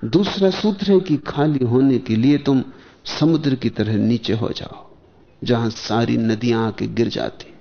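A spiritual teacher, a man, speaks in slow, measured phrases, pausing often and posing rhetorical questions. His voice has a gravelly edge at mid pitch. The sound is muffled and lo-fi, like an old archival lecture tape. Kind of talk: spiritual discourse.

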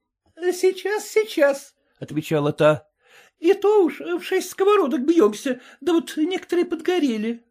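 A man's voice: very high voice, sing-song, moderate pace, a little mellow, pitched above the performer's own voice. A man voicing a young wife who is flustered and apologetic while serving pancakes to quarrelling relatives.

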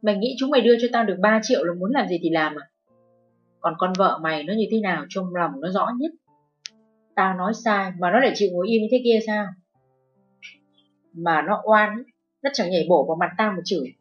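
A woman's voice: mid-range voice, a little fast, long pauses, close to an everyday voice. A woman voicing an abusive, furious middle-aged mother-in-law who shrieks and wails, in a narrated audio story. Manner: screeching, abusive, wailing. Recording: dull lo-fi with faint music.

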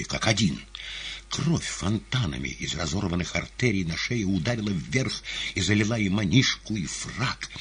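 A man narrating an audiobook in an expressive, dramatic reading with a husky voice. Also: low-pitched.

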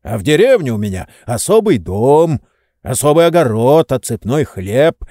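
A man reading an audiobook voices a hoarse, touchy old servant who heatedly defends his master. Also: medium pitch, big pitch swings, moderate pace, mellow, no echo, studio quality. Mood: boastful. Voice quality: hoarse, wheezing. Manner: heated, indignant, boastful.

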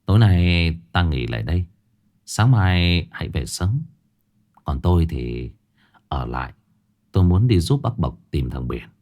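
Man doing a gently reassuring grown man. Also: sits low, big pitch swings, unhurried, long pauses, pitched below the performer's own voice, full character voice. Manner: soothing, polite.

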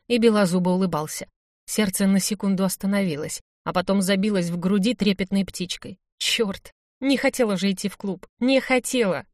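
A young woman narrating a first-person story in a lively, expressive audiobook reading. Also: medium pitch, dry recording, studio quality. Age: young adult.

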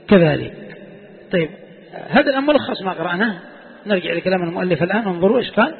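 A man's voice: high-pitched, vocal fry, slightly rough. A man teaching a classical exegesis text, repeating key phrases and quizzing his students with questions. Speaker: sheikh teaching Quranic exegesis. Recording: tinny phone-like sound in a long-reverb hall.

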